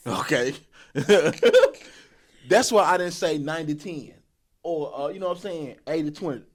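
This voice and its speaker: This thirtysomething podcast co-host talks slowly in a fairly high voice. His casual relationship advice meanders, full of everyday phrasing, repetition, and laughter.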